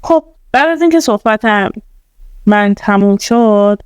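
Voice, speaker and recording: A woman's voice: medium pitch, animated, clean tone, no room sound. A woman presenting a casual tutorial. She explains things step by step, with many fillers. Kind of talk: casual screen-recorded tutorial.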